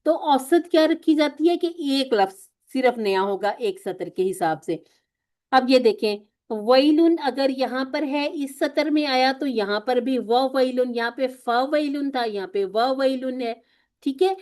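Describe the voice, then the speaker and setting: A woman's voice: high voice, animated, darkish tone. Patient woman teaching a lesson. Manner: patient, explanatory, often asks and answers her own questions. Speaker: Quran course teacher. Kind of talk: recorded classroom lesson.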